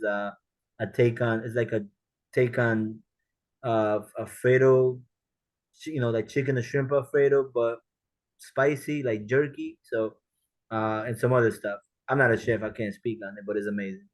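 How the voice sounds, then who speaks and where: A man's voice: medium pitch, fairly even intonation, rough recording. Guy guesting on a podcast, mid voice, laughs a lot, keeps stopping and restarting. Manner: laughing, halting, restarts often. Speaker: guest, film director. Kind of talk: casual podcast chat.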